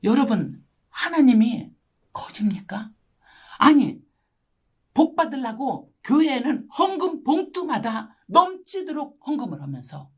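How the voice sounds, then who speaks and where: An older woman missionary giving a testimony sermon, telling her story dramatically and often asking her listeners for agreement. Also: high-pitched. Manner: dramatic storytelling, constant tag questions to listeners. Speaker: missionary preacher. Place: church online gathering.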